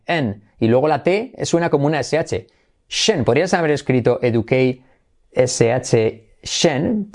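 A man's voice: fairly high pitch, darkish tone. A man whose first language is Spanish, teaching English pronunciation in a casual video lesson, repeating sounds and words and humming bits of songs to show them.

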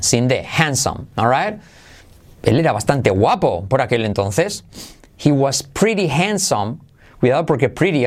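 A man's voice: medium pitch, a little mellow. Man drilling English pronunciation. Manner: switches between Spanish explanation and slow drilled English phrases. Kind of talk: podcast pronunciation lesson.

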